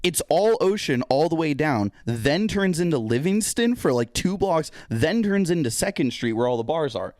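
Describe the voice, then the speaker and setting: Lively, teasing young man. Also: fairly high pitch, normal speed, hardly any pauses, no room sound, studio quality. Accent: Southern California. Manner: teasing, incredulous, swears. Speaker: podcast co-host. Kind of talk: casual chat.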